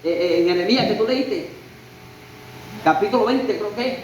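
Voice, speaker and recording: High-voiced male preacher in echoey hall. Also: moderate pace. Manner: emphatic preaching with rhetorical questions and a repeated refrain. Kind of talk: sermon. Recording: very echoey church hall, faint noise.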